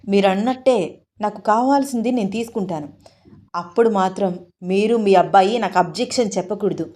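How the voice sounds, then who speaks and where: A woman storyteller voicing a blunt, meddling older woman who speaks loudly with grief and accusation. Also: medium pitch, brisk, lightly acted. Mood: aggrieved. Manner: accusing, loud and tearful.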